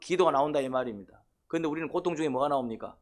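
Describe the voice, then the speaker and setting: Speaking rapid-fire in a voice on the high side, a male pastor preaches while continually quizzing the congregation. He peppers them with questions and repeated short "eh?" calls.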